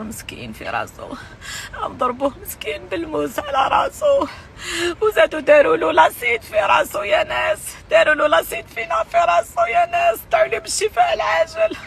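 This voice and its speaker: A woman with an Algerian Arabic accent, crying in distress and shouting through sobs as she makes a repetitive, pleading appeal to her followers. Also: very high-pitched, slight background noise. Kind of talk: emotional personal plea to followers. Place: outdoors by a road.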